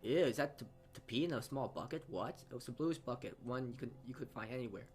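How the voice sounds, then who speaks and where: This gaming host talks fast in a medium-pitched, somewhat mellow voice as he reads a visual novel aloud. He drops casual asides and frequently fumbles or repeats words, all over the game's background music.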